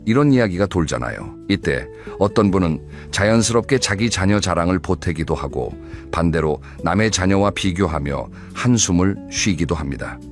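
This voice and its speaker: A man with a very deep, low voice narrates a scripted advice talk. He speaks in a calm, measured way. Soft music plays faintly underneath.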